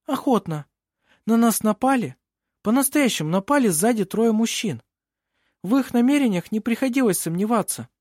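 An earnest young woman testifying in court, her voice high and pleading, as a male reader puts her on. Her voice swoops with feeling over a dry, close sound. The medium is an audiobook. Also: lively intonation, moderate pace, darkish tone, dry recording. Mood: urgent. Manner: pleading, rising to indignant.

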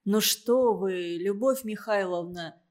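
A woman reading an audiobook, voicing a teenage boy who talks in a brisk, falsely cheerful way. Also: mid-range voice, expressive, natural voice.

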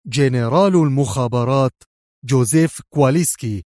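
A man's voice: mid-range voice, normal speed, darkish tone, dry recording, studio quality, close to an everyday voice. A man voicing a smug male impostor who answers with arrogant mockery. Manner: arrogant, mocking. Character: smug man mimicking a crime boss.

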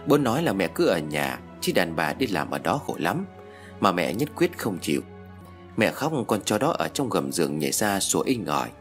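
A man narrating a horror story in a lively, expressive storytelling manner. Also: low voice.

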